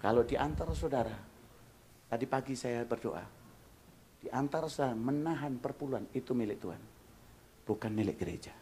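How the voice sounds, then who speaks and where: A male pastor preaching a storytelling sermon, animated, swinging from loud exclamations to hushed prayer and slipping into Javanese phrases. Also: mid-range voice, brisk, pauses often, a little hiss or hum. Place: church retreat hall.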